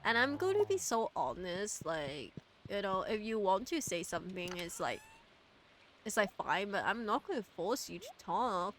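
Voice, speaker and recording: A woman's voice: medium pitch, sing-song, moderate pace, fairly bright tone, a little hiss or hum. A woman chatting casually on a game livestream as the streamer, rambling with lots of fillers, trailing off and restarting as she talks to chat.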